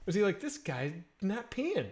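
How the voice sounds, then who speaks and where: This podcast host, a man in his thirties, has a high voice and keeps a moderate pace. Wearing a headset mic in his bookshelf-filled room at home, he tells crude, lively stories during a casual video-call chat.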